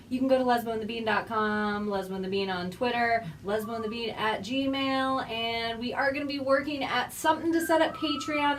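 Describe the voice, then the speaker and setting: A woman co-hosting a casual sports podcast, animated and laughing often. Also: on the high side. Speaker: podcast co-host. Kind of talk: casual chat. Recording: distant mic with faint ambient noise.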